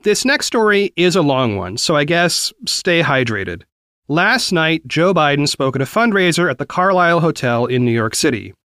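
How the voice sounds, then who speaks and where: Man, 40s, from the South, news host, animated delivery, dry close mic. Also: on the high side, moderate pace, clean tone, no room sound. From American South. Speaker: podcast host. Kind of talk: news commentary.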